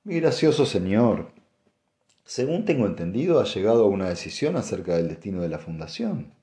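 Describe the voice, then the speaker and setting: A man's voice: animated, normal speed, warm tone, natural voice. A man reading an audiobook and voicing a haughty, scheming noblewoman with a cold, cutting manner. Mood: icy mocking. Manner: cutting, mocking, rising to shrill insistence.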